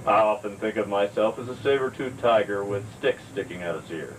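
A young man giving a deadpan, mock-serious self-help lesson to a home video camera in a motel room. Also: fairly low pitch, a little fast. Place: motel room while out of town. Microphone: camcorder mic from across the room. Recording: distant camcorder audio, air conditioner hum.

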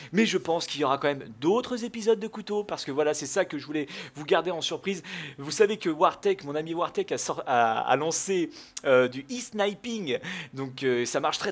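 A man giving live, jokey gameplay commentary, shouting out his kills. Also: sits high. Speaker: gaming video host.

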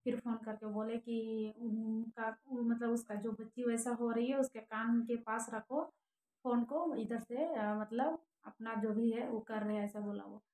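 A woman's voice: on the high side, flat delivery, a little slow, dark tone, reverberant, slight background noise, rough recording. Earnest woman. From Jharkhand, India. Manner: earnest, rambling retelling with many fillers. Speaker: vlogger. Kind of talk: casual storytelling vlog.

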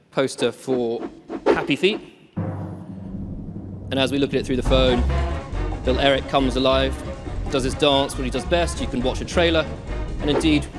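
A man giving a relaxed, self-deprecating live tech demo on stage, with lots of ums. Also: medium pitch. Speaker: tech presenter. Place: large conference hall. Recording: long reverb of a large hall.

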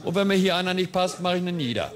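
A man's voice: high-pitched, animated, fast. A middle-aged man with a German accent, a market crier answering bluntly and cheekily into a handheld microphone. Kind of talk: interview answer. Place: outdoor market sales truck. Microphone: handheld reporter microphone.

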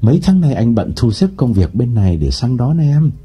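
A man reading an audiobook and voicing an eager, smooth-talking man who pleads and fawns on the phone. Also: medium pitch, very animated, normal speed, mellow. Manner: pleading and fawning.

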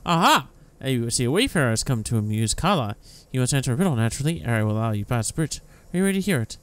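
A man's voice: medium pitch, very animated, very fast, smooth, close to an everyday voice. A man voicing an imperious, scornful genie riddle keeper in a fantasy game, grand and commanding. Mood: imperious, taunting.

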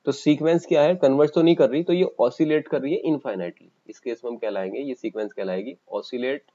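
A man with an Indian accent teaching a math lesson for exam coaching, explaining step by step and pausing as he writes. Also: mid-range voice, dark tone, lo-fi sound. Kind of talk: online exam-coaching lecture.

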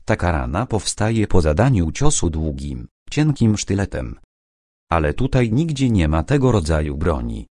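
A man voicing a pale, trembling doctor who speaks in a hushed, shaken way, in an audiobook. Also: low-pitched, big pitch swings, normal speed, dry recording, studio quality.

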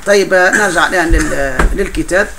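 A man's voice: fairly high pitch, fairly quick, noisy background. A man teaching a classroom grammar lesson, explaining patiently with frequent laughs and broken-off restarts.

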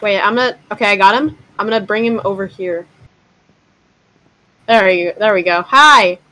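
A woman chatting casually while gaming with friends, excitable, often squealing and gasping. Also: medium pitch, moderate pace, low-quality recording. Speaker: gamer. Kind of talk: casual multiplayer game chat.

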